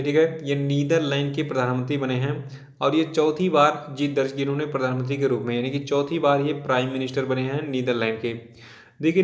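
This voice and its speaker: Man teaching exam current affairs, echoey. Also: a little high. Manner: explains patiently, repeating "dekhiye" and "theek hai". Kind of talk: exam-prep lecture. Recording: echoey room, dull lo-fi sound.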